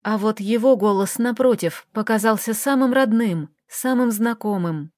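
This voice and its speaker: A woman narrating an audiobook in a measured, expressive reading. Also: on the high side, dry recording, clean studio sound.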